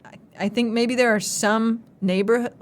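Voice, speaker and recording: A woman's voice: fairly high pitch, fairly even intonation, moderate pace. A young woman in her twenties co-hosting a casual chat, with a teasing, jokey manner. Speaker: co-host.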